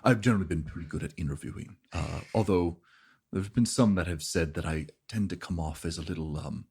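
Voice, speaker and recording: A man's voice: low voice, brisk, a little mellow, breathy edge, heavily acted. A man playing a wordy, earnest, pedantic would-be scholar, hesitant and repeating himself, in a tabletop game. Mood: flustered, earnest.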